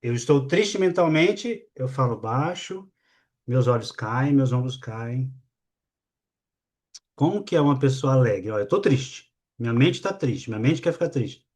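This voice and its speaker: Brazilian man, webinar host, lively and demonstrative, mid-pitched voice. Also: a little slow. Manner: lively and demonstrative, shifts energy on purpose. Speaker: speaker leading a live online class. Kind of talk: live webinar talk to an audience.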